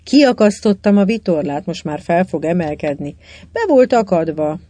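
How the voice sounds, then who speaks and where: Reader doing a calm boy captain. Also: mid-range voice, close to an everyday voice. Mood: urgent. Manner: steadying, instructing.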